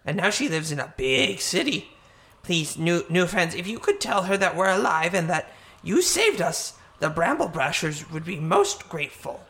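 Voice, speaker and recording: A man voicing a short goblin woman chieftain with a hoarse, bird-like voice, stammering and repeating words. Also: high-pitched, big pitch swings, moderate pace, a bit bright, exaggerated voice. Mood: eager.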